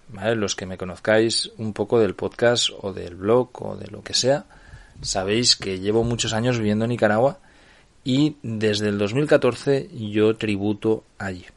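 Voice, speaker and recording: Low-voiced Spaniard explaining things. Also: male voice, gravelly. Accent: Spain Spanish. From Barcelona, Spain. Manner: explanatory, checks in with listeners by asking "right?". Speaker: podcast host. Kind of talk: solo podcast monologue.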